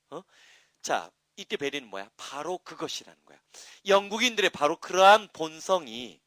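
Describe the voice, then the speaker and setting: A middle-aged man teaching an English grammar class, talking fast and loosely, asking questions and answering them himself. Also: on the high side, no echo. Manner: lively, talkative, asks and answers his own questions. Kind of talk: classroom lecture.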